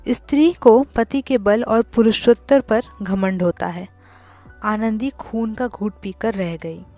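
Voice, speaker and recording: A woman narrating a classic short story as a storyteller, with a measured, deliberate reading. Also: mid-range voice, dark tone, no echo, soft background music.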